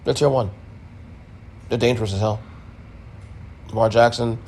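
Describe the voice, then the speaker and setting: A man's voice: mid-range voice, steady tone, moderate pace, darkish tone. A man hosting a sports podcast, giving a casual, emphatic recap with blunt opinions and repeated points. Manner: emphatic, opinionated, repeats himself, mild swearing.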